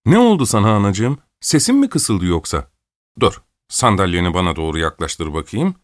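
Voicing a fussy, imperious old countess for an audiobook, a man uses a low voice with big pitch swings at normal speed as she scolds, peevishly and bossily, and orders people around. The studio-quality recording has no echo.

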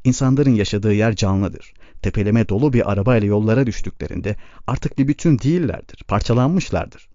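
Bitter grieving farmer put on by a man, brooding, angry, dark tone, dry sound. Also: fairly low pitch, fairly quick, dry recording, lo-fi sound, natural voice. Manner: brooding, bursts into anger.

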